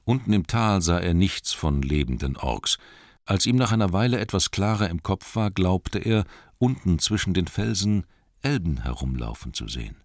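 A man reading a storybook aloud in calm, measured narration. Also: sits low, dry recording, clean studio sound. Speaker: audiobook narrator. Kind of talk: scripted narration.

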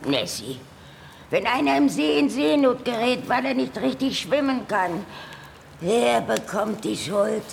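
A woman's voice: a little high, very animated, unhurried, gravelly, a little hiss or hum, full character voice. A woman playing a lonely, aggrieved female lake monster in a children's audio drama, with a dramatic, self-pitying manner.

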